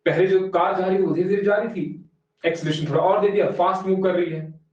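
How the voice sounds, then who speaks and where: A man teaching an online exam-prep class, explaining step by step, often quizzing students, and reading English definitions out very slowly. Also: sits high, steady tone. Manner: explains step by step, keeps asking students questions. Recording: very echoey room, voice from far off, dull sound.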